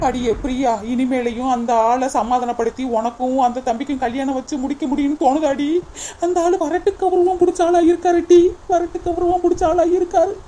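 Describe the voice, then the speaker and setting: A woman voicing a caring middle-aged village woman in a cartoon, lamenting and scolding gently in Kanyakumari Tamil. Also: high voice, a little hiss or hum, close to an everyday voice. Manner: hesitant then lamenting, calls her "di". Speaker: cartoon character. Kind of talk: cartoon voice acting.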